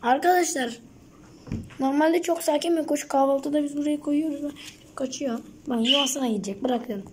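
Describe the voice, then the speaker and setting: A young woman vlogging at home, talking in a coaxing, soothing way to her pet bird and sometimes dropping to soft whispers. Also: high voice, normal speed. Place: home indoors. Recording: noisy home recording.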